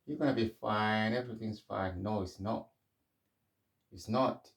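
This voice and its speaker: A man's voice: lowish voice, a little slow, vocal fry, roomy sound, recorded from a distance. A middle-aged man from Zimbabwe hosting a podcast, talking candidly in a reflective solo monologue. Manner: candid and conversational, frequent restarts. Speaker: podcast host.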